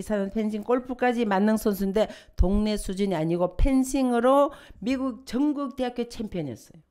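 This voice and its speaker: An older woman, a pastor's wife, giving a sermon with humorous stories and sudden swells into fervent prayer. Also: medium pitch. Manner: humorous, lively storytelling with sudden emotional swells. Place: church sanctuary.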